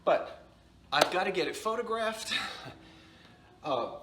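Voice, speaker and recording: The antiques seller's voice is high and very animated but slow, and the recording is very noisy. With his New Jersey accent, he casually shows and describes antique dishes in a chatty vlog, often correcting himself.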